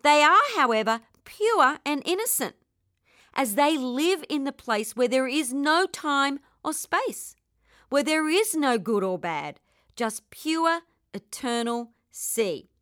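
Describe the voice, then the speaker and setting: A woman with an Australian accent giving an earnest, gently enthusiastic spiritual talk. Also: sits high, expressive, a little slow, no echo, studio quality. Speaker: spiritual teacher.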